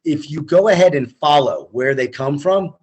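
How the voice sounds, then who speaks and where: A man being interviewed as a startup founder, emphatic and motivational, talking in quick punchy lists over a video call. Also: a little high, animated, a little mellow, husky. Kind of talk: conversational interview.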